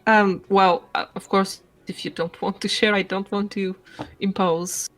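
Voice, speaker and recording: A woman playing her character in a tabletop game, chatty, hesitant and quick to laugh. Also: mid-range voice, steady tone. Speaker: player.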